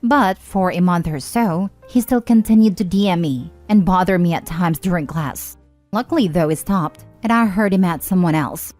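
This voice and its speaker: A woman narrating online forum stories and adding her own comments, reading expressively with frequent lifts in pitch. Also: moderate pace, darkish tone, faint music behind. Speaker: story narrator.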